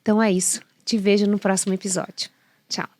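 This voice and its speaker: A woman's voice: medium pitch, level tone, fast talker, a little mellow, no room sound. A woman hosting a podcast interview, affirming her guest and encouraging listeners. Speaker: podcast host.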